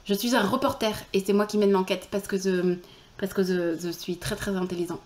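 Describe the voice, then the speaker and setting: Give me a bright young reporter with a soft lisp, played by a woman, high and bouncy. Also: very fast, reverberant, natural voice. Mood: earnest. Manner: slight lisp, odd questioning intonations. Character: young man, brainy cub reporter with a lisp.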